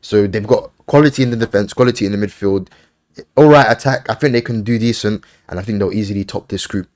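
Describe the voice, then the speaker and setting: A man hosting a casual football podcast, briskly running through lists and giving offhand opinions. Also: on the low side, darkish tone. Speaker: podcast host.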